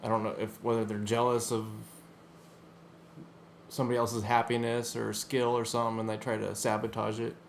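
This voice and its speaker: A man's voice: medium pitch, completely flat delivery, fairly quick, a little hiss or hum. A man co-hosting a podcast, talking casually and hesitantly, often laughing. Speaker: podcast co-host. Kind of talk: casual chat.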